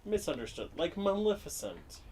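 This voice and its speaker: A man's voice: sits high, very animated, normal speed, darkish tone, a little hiss or hum. A man with the hiccups chatting playfully as co-host while playing a horror game. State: has the hiccups. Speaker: co-host of a horror gaming show.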